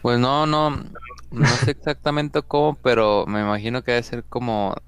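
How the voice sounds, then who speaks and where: A man's voice: mid-range voice, level tone, moderate pace, fairly bright tone, clean tone. A man, a student in a pronunciation class, asking hesitant questions and unsure of his answers.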